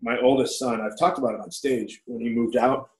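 Man, 40s, stand-up comic, casual profane storyteller, roomy echo, mid pitch. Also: fairly even intonation, fairly quick. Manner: loose, profane storytelling with quoted dialogue. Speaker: stand-up comedian guest. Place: room at home. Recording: echoey room.

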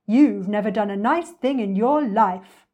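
A woman voicing a big, blunt male elephant in a children's storybook, scolding loudly in drawn-out outrage. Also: medium pitch, lightly acted. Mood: indignant. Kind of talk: dramatic children's storybook reading.

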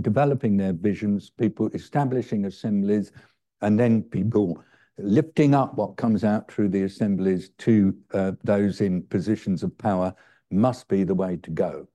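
A man with a very dark, relaxed voice, pitched a bit low, answers questions at a public talk. He reasons aloud in a measured, earnest way. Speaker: guest speaker answering questions.

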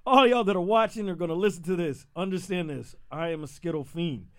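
A man's voice: high voice, brisk. Playful man hosting a podcast. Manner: laughing, loose and playful sign-off. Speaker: podcast co-host. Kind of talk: casual podcast banter.

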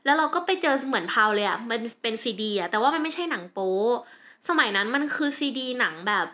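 Woman, casual chat co-host, quick animated storyteller, slightly high voice.

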